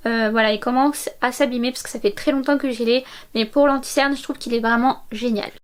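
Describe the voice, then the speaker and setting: High-pitched chatty young woman vlogger. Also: steady tone, brisk. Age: 20s. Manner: chatty, many fillers, enthusiastic about products. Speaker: beauty vlogger. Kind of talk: makeup tutorial narration.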